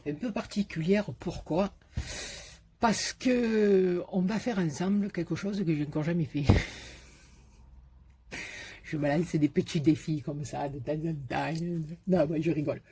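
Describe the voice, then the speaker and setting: A woman with a Marseille French accent hosting a casual scrapbooking tutorial, chatty and joking, and repeating the measurements slowly. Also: fairly low pitch, mellow, slightly rough. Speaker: scrapbooking video host.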